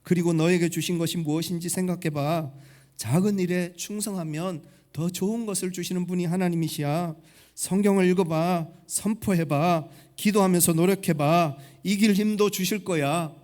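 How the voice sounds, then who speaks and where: Man doing a gentle reassuring angel. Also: high-pitched, steady tone, normal speed, pitched above the performer's own voice, natural voice. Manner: gentle, encouraging, soft.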